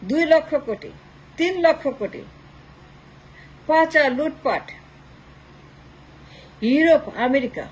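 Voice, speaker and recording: A woman with a high, bright-pitched voice delivers an impassioned political commentary. She hammers her points through long rhetorical lists of short phrases. She mixes English phrases into her speech. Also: animated, slow, long pauses, poor audio.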